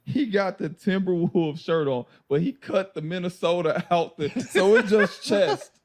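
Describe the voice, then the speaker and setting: A man telling a basketball story in casual chat, laughing and acting out teammates in loud high voices. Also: a little slow. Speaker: former pro basketball player telling a story. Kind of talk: animated storytelling.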